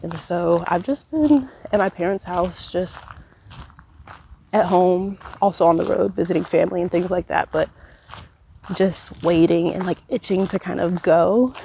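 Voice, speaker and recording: Pensive girl in her 20s thinking out loud on a walk vlog, lowish voice, kinda fry, some noise behind her. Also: low-quality recording. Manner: pensive, unhurried musing with trailing thoughts. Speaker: vlogger. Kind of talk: casual reflective solo monologue. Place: walking while recording, as a walk-along vlog.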